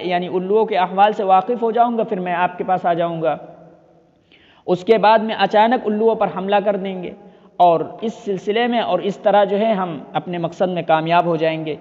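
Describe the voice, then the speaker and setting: Man, high voice, teaching, reads a phrase then explains it over and over, lo-fi reverberant recording. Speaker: Arabic teacher. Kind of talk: line-by-line Arabic text translation lesson. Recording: dull lo-fi audio with long reverb.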